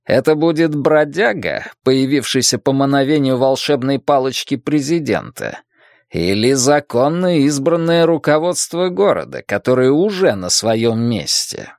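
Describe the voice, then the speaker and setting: A man's voice: mid-range voice, animated, unhurried, a little mellow, no room sound, studio quality. A man voicing a domineering, scheming middle-aged male town boss in an audiobook. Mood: menacing. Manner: domineering and mocking.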